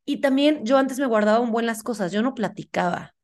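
Young woman, Mexican accent, animated guest in a casual talk, acts out dialogue. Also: fairly high pitch, brisk. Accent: Mexican Spanish. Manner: animated, acts out quoted dialogue, frank and slangy. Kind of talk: casual chat.

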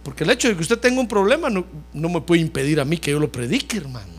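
High, animated male preacher. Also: fast. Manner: animated preaching that repeatedly addresses listeners as brother. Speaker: pastor. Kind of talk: sermon.

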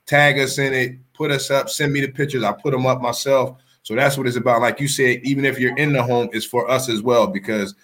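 A man's voice: mid-range voice, fairly even intonation, a little fast, hardly any pauses, fairly bright tone. A man eagerly explaining his fathers challenge on an online call, often repeating himself. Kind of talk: casual promotional chat.

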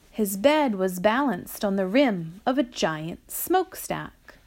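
Female storyteller, unhurried read-aloud, very lively pitch, children's book. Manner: slow, expressive read-aloud delivery.

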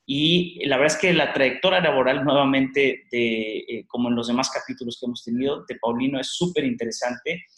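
A man hosts a podcast, upbeat and chatty, pausing often on fillers. His pitch is ordinary and mid-range. The sound carries a noticeable room echo. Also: fairly bright tone. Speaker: podcast host. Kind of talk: podcast interview hosting. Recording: roomy, echoey sound.

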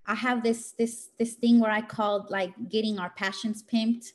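A woman's voice: a little high, little pitch movement, measured pace. A woman giving an informal motivational talk in an emphatic, scolding teacher voice, speaking directly and colloquially.

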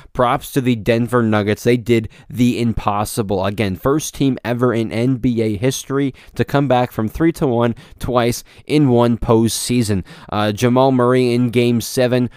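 A man's voice: medium pitch, darkish tone, smooth, no room sound, studio quality. A young man hosting a solo sports podcast, giving opinionated takes and often stumbling and repeating himself. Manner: opinionated, repetitive, stumbles over words. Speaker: podcast host.

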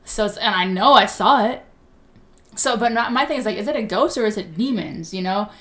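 A woman's voice: mid-range voice, animated, fairly quick, a bit bright. A young adult woman hosting a podcast, telling stories in casual chat with restarts and bursts of laughter. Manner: chatty storytelling with restarts and laughter. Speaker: podcast host.

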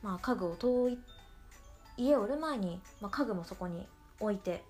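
This podcast host talks on her own in a casual, rambling, self-deprecating way, her voice cute and girlish like an anime character. Here it sits in the mid range with a darkish tone, animated at a moderate pace, as soft music plays behind her.

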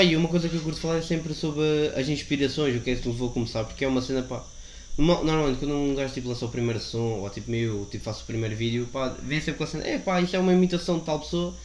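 A young man, hosting a casual interview in informal slang with easy swearing. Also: mid-range voice. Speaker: interviewer, host. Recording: echoey room with faint noise.

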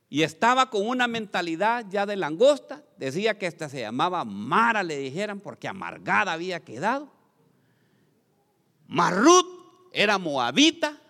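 A man from Honduras preaching a lively sermon as pastor, calling out to the congregation with joking asides. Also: fairly high pitch, long reverb tail.

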